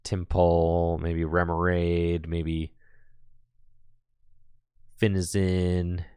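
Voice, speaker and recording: A man's voice: deep voice, monotone, extremely slow, mellow, clean tone, dry recording. A man giving casual play-by-play commentary on a card game tournament, chatty and thinking aloud as he goes.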